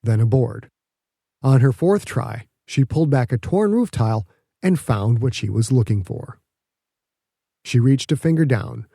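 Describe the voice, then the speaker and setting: A man reads a scripted audiobook story in a relaxed, mellow, middle-pitched voice that is creaky and husky. The recording is dry, with no echo.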